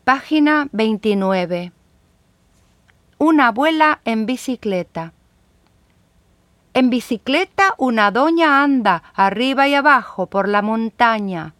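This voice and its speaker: A woman reading children's poems aloud in a measured, rhythmic recitation. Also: a little high, lively intonation, a bit bright, no echo, studio quality. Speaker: reader.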